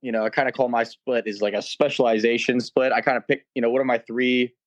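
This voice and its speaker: A man's voice: mid-range voice, level tone, quick pace. A man in his twenties, a laid-back panel guest in a casual chat. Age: 20s.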